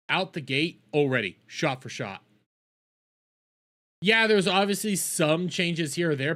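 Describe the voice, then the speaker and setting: This male host of a casual live reaction stream has a medium-pitched, slightly bright voice. He's blunt, profane and opinionated, swearing freely and repeating phrases to hammer them home.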